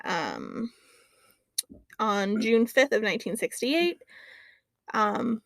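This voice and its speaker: A woman's voice: fairly high pitch, sing-song, gravelly, a bit bright, dry recording. A woman co-hosting a casual podcast, reading dates and facts from her notes with frequent ums. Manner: chatty, fills pauses with "um". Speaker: podcast co-host. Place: lives near an Alaskan lake.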